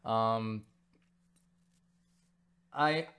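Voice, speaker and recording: This young man talks extremely slowly in a lowish voice while answering viewer questions in a casual vlog. He rambles with plenty of fillers and restarts, swears offhandedly, and becomes animated when something excites him.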